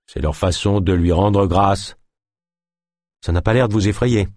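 A man voicing a calm, fearless caged man who speaks with resignation. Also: low-pitched, dry recording, studio quality.

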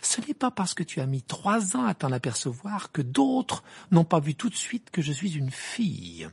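A reader doing Hermione, a haughty sharp-tongued girl. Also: mid-range voice, expressive, fairly quick, creaky, husky, voice pushed up, full character voice. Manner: sharp, acid retorts. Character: haughty clever teenage witch girl. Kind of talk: amateur audiobook voicing.

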